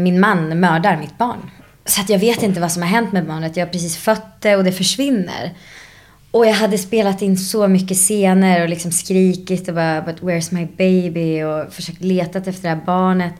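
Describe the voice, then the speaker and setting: A woman actress in a casual interview, reflective and animated as she tells stories, dropping in English phrases. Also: lowish voice. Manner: drops English phrases into her speech. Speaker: actress guest.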